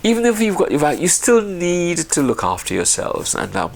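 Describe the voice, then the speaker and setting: A man's voice: fairly high pitch, wildly swooping pitch, normal speed, vocal fry, a little hiss or hum. A man from Guyana chatting casually and ramblingly about his home remedies, with frequent restarts and laughs. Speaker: vlogger.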